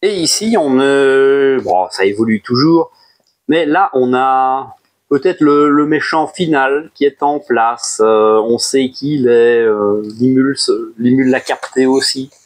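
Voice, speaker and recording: A man in a relaxed video review of his manga buys, talking at a middling pitch. He rambles in a friendly way, jumps up in pitch whenever he moves on to the next title, and drops in teasing little jokes along the way. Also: slow. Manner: chatty and animated, jumps up in pitch on new titles, playful asides. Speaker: manga collection YouTuber. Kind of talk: casual monthly haul review.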